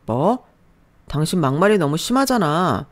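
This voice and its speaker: Woman reading a bossy husband, curt, domineering, a lowish voice, storybook dialogue. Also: sing-song, moderate pace. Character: bossy, dismissive husband, adult man.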